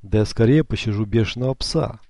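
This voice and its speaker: A man's voice: lowish voice, fairly quick, vocal fry, a little mellow, no room sound, clean studio sound. A man voicing a young male assassin who growls fierce threats, in an audiobook. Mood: enraged.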